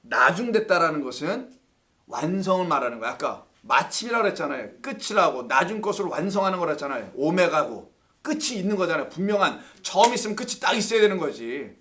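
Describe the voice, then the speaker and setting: A man preaching a Bible study sermon as pastor, asking rhetorical questions and swinging between loud and soft. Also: a little high, very animated, fast. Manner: acts out voices of God and complainers in quotes. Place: church.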